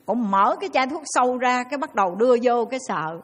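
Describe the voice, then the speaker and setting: A woman's voice: fairly high pitch, quick pace. A woman with a Southern Vietnamese accent, a Buddhist nun giving a dharma talk and acting out the people in her stories. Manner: lively storyteller who acts out the people in her stories.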